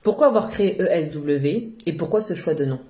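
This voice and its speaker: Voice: mid-range voice, expressive, a little fast, warm tone. An interviewer who opens formally, asks questions and adds short friendly quips.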